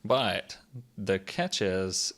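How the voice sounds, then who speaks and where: This podcast co-host has a low, fairly bright voice that's expressive and stretches out his words. Chatting casually about a game on a gaming podcast, he rambles, fills gaps with "like" and "um," and lets out the occasional laugh.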